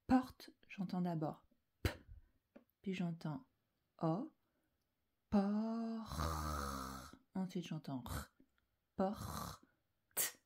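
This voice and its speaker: A woman with a husky, fairly low voice runs a slow, deliberate spelling dictation for young children. Calm throughout, she repeats each syllable and often slips into a whisper.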